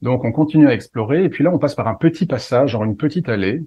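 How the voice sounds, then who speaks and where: A man's voice: mid-range voice, animated, fast, warm tone, husky, muffled recording. A man telling a personal story in a casual, playful and self-mocking way. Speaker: spiritual medium and storyteller.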